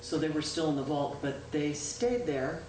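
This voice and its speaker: The town clerk, a loud-voiced, low-pitched woman, gives a casual spoken report to the board at a public meeting, pausing with "um" a lot and correcting herself as she goes. A distant room microphone in the town meeting room makes this local-access recording echoey, far away, and noisy.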